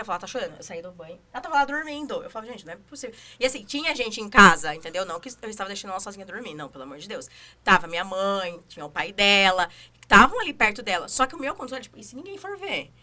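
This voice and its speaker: A woman's voice: mid-range voice, expressive, very fast, bright, forceful tone. A young woman chatting as a podcast guest, telling stories animatedly and acting out her own inner voice. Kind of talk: casual podcast chat.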